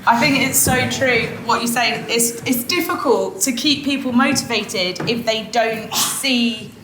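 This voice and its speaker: A woman's voice: fairly high pitch, measured pace. A woman on a conference panel, answering a question in a candid, chatty way and laughing easily. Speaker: panelist, SDR manager. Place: conference hall. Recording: echoey event hall with faint noise.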